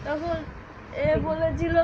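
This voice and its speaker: High-voiced woman giving short childlike replies. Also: level tone, slow, dull audio, crowd noise. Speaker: woman said to be possessed.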